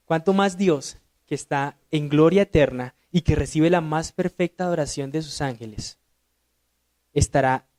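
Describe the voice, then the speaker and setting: High-voiced deacon teaching. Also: male voice, darkish tone. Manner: emphatic, asks listeners rhetorical questions. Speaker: deacon teaching Sunday school. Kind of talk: Bible teaching.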